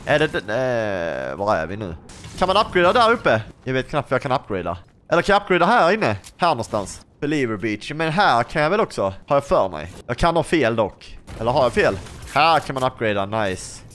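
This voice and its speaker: A young man talks his way through a video game with a bouncy voice that jumps up and down in pitch. He is chatty and playful and keeps asking his viewers questions. Faint room sound sits behind him. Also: very animated, a bit bright, a little hiss or hum. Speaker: gaming YouTuber. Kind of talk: casual gameplay commentary.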